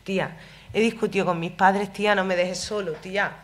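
A woman's voice: mid-range voice, fairly even intonation, a little fast, lightly acted. Woman doing a sulky, controlling teen boy. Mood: pleading. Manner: whiny, guilt-tripping slang.

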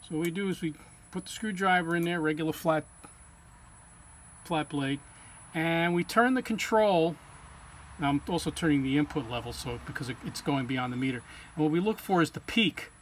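Speaking at a moderate pace in a fairly high-set voice, a technician demonstrates how to calibrate equipment. It's an informal, hands-on tutorial, delivered plainly one step at a time as if to a learner. A noticeable hum or ambient noise runs behind him.

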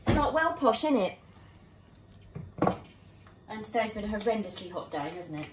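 Brief: woman, vlog host, playful kitchen chat, animated delivery. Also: mid-range voice, moderate pace, background noise. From Sussex, England. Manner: chatty and playful, with bursts of laughter. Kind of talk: casual home vlog chat. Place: home kitchen.

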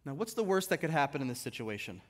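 A middle-aged man preaching a sermon in a church, retelling stories and dropping his voice low and soft for quoted lines. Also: big pitch swings, fast talker. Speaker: guest preacher. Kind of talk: sermon with storytelling. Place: church sanctuary.

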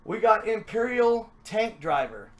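A man's voice: sits high, very animated, measured pace. Chatty man opening trading cards. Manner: chatty, upbeat, drops into mumbling asides. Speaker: card break host. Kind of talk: casual card-opening commentary.

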